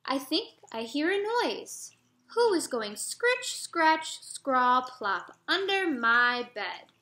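A woman voicing a small, frightened young frog boy in a storybook read-aloud, pleading in a high voice. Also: animated, a little slow, pushed and bright, roomy sound, full character voice. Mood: pleading, scared.

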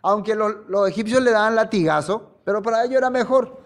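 A man leads a sermon-style Bible study with a somewhat high voice. He keeps checking in with rhetorical questions and sinks low on key words with dramatic pauses. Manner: dramatic pauses, sudden drops in pitch. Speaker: preacher.

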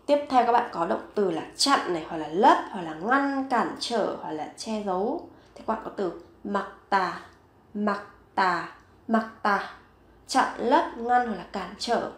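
A woman teaching a vocabulary lesson, saying each word several times, slowly and clearly. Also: mid-range voice, animated, echoey room. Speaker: Korean language teacher.

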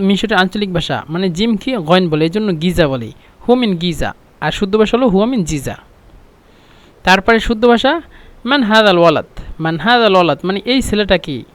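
A man, teaching a spoken Arabic lesson patiently, repeating phrases and filling pauses with "meaning". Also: sits high, no echo.

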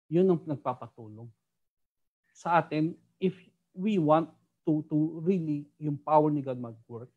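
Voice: mid-range voice, slightly rough, narrow, tinny audio. A Bible study teacher with a Filipino accent, mixing Tagalog and English and often asking "di ba?" to the group. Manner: animated, keeps asking "di ba?".

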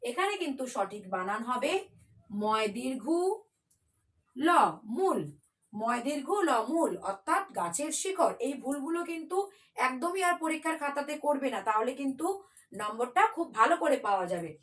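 A woman's voice: sits high, lively intonation, moderate pace, fairly bright tone. A woman teaching a children's spelling class in a patient, coaxing way, spelling words out letter by letter.

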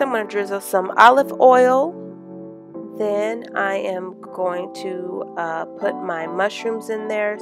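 With a mid-range voice and noticeable vocal fry, a woman in her thirties chats cheerfully to the camera in a casual home cooking vlog. She's filmed indoors in a home kitchen and small room, with music playing underneath.

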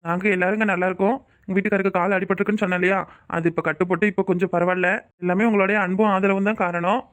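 A woman's voice: mid-range voice, steady tone, rapid-fire. A woman who co-runs a cartoon channel, thanking viewers in a friendly outro chat.

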